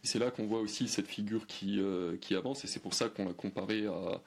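A man, a guest on a podcast, explaining old myths in a relaxed chat, hesitant, with many fillers and restarts. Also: lowish voice, brisk, gravelly, slight background noise. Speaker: guest historian. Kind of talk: conversational explanation.

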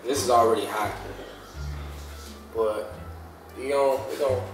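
A young man hosts a food challenge from a very echoey kitchen, sounding off mic with music behind him. His talk is casual street slang, loose and animated. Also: mid-range voice, slow pace, far from the mic. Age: 20s. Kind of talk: casual vlog chat. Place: home kitchen, indoors. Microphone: camera a few feet away.

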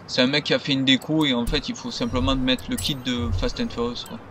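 A man's voice: mid-range voice, steady tone, brisk, sharp tone, slight background noise. A man giving loose, rambling commentary over his gameplay as a gaming video creator.

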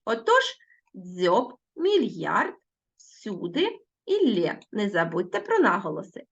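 A woman teacher giving a recorded lesson to schoolchildren, slowly spelling out sounds and words. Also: mid-range voice, wildly swooping pitch, highs cut off.

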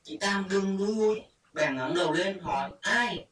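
A storyteller reading a short story aloud at a measured, deliberate pace. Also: medium pitch. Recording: echoey room, far from mic, faint hiss.

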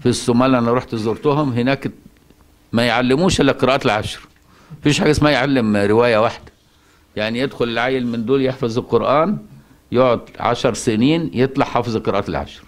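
Egyptian male Quran teacher, brisk chatty delivery, checks in with the class, chants verses slowly. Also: mid-range voice. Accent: Egyptian Arabic. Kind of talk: colloquial religious lesson.

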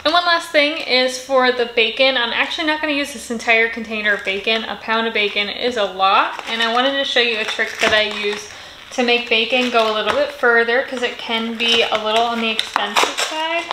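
Higher-pitched woman explaining recipe steps. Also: fairly even intonation, brisk, reverberant, background noise. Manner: friendly step-by-step instruction. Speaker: cooking channel host. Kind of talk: scripted cooking voice-over.

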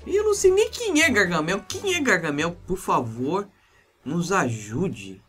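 A man with a Brazilian Portuguese accent narrating a Minecraft role-play in an excitable, exclamatory way. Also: high voice, measured pace, slightly rough. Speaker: gamer YouTuber.

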